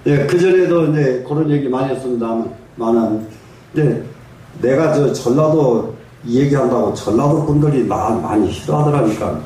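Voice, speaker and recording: With a warm, medium-pitched voice at a moderate pace, an older Buddhist monk preaches in a folksy, story-driven style, chuckling and inviting responses from listeners. The distant mic picks up a little hiss or hum and strong reverberation from a large meditation hall.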